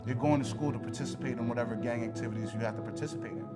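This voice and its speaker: A man's voice: medium pitch, fairly even intonation, very fast, loud music behind the voice. A man from Brooklyn, New York, speaking thoughtfully and asking rhetorical questions in a documentary interview. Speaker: former student interviewee.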